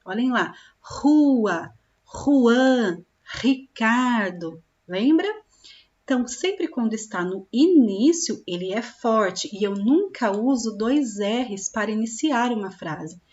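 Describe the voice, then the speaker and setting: A woman teaching young children, slowly drawing out syllables and often checking in with them. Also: fairly high pitch, animated, darkish tone, dull audio. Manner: slow, drawn-out sounding of syllables, with frequent check-in questions. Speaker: primary school teacher. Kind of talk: recorded classroom lesson for young children.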